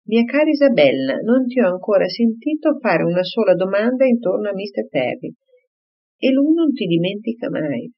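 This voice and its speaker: A man's voice: high voice, very animated, normal speed, voice pushed up, full character voice. A reader voicing a fretful, doting elderly father in an audiobook, fussing in a raised voice. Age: older. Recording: slightly muffled recording.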